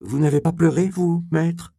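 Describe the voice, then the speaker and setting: An earnest young apprentice, as a male reader acts him out, pleading and anxious, his voice lifted high. Gravelly texture in a dry, close recording. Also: fairly even intonation, normal speed, mellow, no echo.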